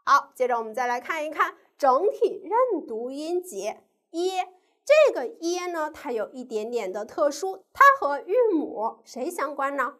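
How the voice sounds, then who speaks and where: A woman's voice: high-pitched, a bit bright. A woman teacher giving a primary school pinyin lesson, asking the children questions and drawing out each sound in a sing-song way.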